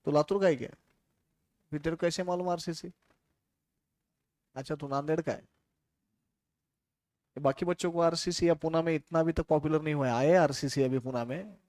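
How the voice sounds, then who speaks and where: A man's voice: on the high side, fairly even intonation, normal speed, pauses often, a little mellow, no room sound. A man from India giving a casual, chatty classroom lecture, telling stories and asking his students questions.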